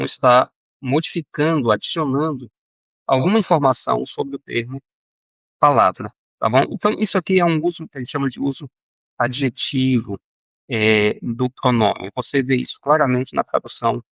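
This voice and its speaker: A man teaching a recorded Greek grammar lesson, halting with fillers and self-corrections and often checking in with his students. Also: mid-range voice, creaky, a bit bright, no echo, dull audio.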